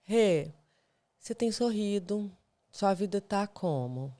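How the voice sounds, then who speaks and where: A woman's voice: medium pitch, lively intonation, takes it slowly, mellow. A Brazilian woman, a psychologist, hosting a podcast interview, asking questions and speaking straight to the listeners. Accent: Brazilian Portuguese. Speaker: psychologist host.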